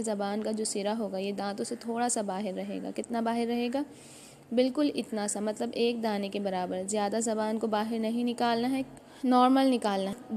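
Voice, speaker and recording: A woman teaching a Quran recitation lesson online, patiently explaining step by step, asking herself questions and slowly drawing out letter sounds to demonstrate. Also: fairly high pitch, darkish tone, a little hiss or hum.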